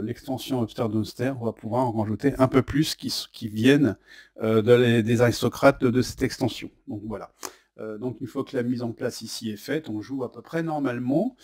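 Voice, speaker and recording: A man's voice: medium pitch, a little mellow. A man with a French accent casually presenting and explaining a board game, chatty and hesitant, with many fillers. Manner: chatty, says "hop" as he flips cards. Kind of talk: casual unboxing and rules demo.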